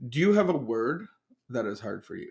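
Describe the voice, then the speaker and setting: A man's voice: medium pitch, sing-song. A middle-aged man co-hosting a podcast, chatting casually and playfully, often breaking off and restarting his sentences. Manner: playful, joking, halting with restarts. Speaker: podcast co-host. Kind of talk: casual chat.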